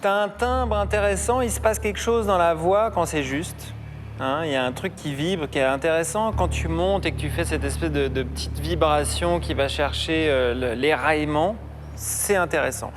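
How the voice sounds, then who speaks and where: A man's voice: fairly high pitch, moderate pace, a little hiss or hum. A man judging a talent show audition, critiquing with jokes and irreverent asides. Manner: joking, irreverent. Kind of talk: judge's critique. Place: audition room.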